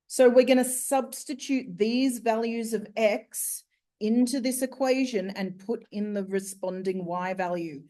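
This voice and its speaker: A fairly high-voiced woman teaches maths in a slow, deliberate way. She talks through each step and keeps asking her class questions as she goes. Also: mellow. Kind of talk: classroom lesson.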